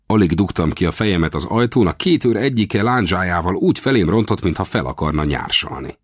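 A man reading a first-person adventure novel as an audiobook, expressive and lifting his voice for shouted dialogue. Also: sits low, breathy edge, no echo, clean studio sound. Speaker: audiobook narrator.

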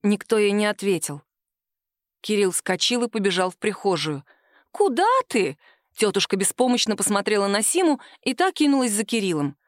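A woman narrates an audiobook in a measured, unhurried storytelling manner. Her voice sits at a middle height. The recording is dry and close, with no room sound. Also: medium pitch, lively intonation, no echo.

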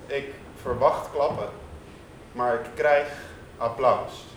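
A man performing a first-person prose monologue on stage, intense and rhythmic with dramatic pauses. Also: mid-range voice, steady tone, slight background noise. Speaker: performer reading a literary monologue. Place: stage in a music venue. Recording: echoey live room from a distance.

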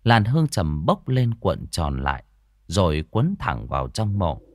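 A man narrating a ghost story in a measured, expressive way. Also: low-pitched, noisy background.

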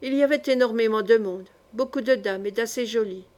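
A woman's voice: a little high, a little mellow. Woman reading a story aloud. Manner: measured, dramatic storytelling. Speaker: audiobook reader. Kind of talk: literary narration.

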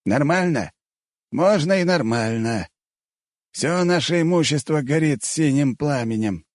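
A man's voice: a little high, lively intonation, a little slow, no room sound, pitched above the performer's own voice. A man voicing a sardonic male rector in an audiobook, speaking in curt, mocking replies.

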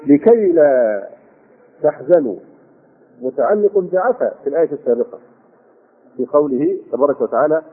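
An older man with an Egyptian Arabic accent giving a Quran commentary lesson, explaining with rhetorical questions and drawn-out fillers. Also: a little high, animated. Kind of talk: classroom tafsir lesson. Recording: phone-like husky lo-fi.

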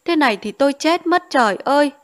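A woman's voice: fairly high pitch, a little slow, close to an everyday voice. A woman voicing a young grieving bride who pleads plaintively. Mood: wailing.

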